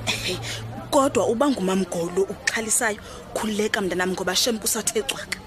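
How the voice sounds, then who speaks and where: A woman's voice: medium pitch, fairly quick, music in the background, natural voice. An actress playing a motherly, frank older auntie in a radio drama, chatty and full of exclamations. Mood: concerned. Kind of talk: radio drama acting in dialogue.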